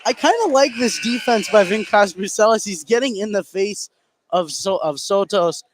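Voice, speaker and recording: An American man with a higher voice provides color commentary for a live basketball broadcast from a high school gym. He speaks at normal speed and expressively, with soft gym ambience behind him.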